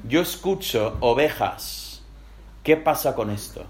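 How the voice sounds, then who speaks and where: A man from voicing an old, half-blind prophet who speaks in a low, quiet, grave voice. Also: expressive, slow pace. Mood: dryly stern.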